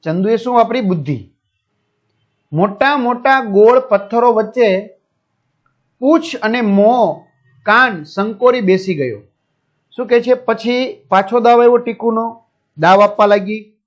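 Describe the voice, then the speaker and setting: A man's voice: sits high, unhurried, pauses often, lo-fi sound. A man teacher reading a children's story aloud, repeating each line and asking his pupils questions about it. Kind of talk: reading and explaining a school lesson.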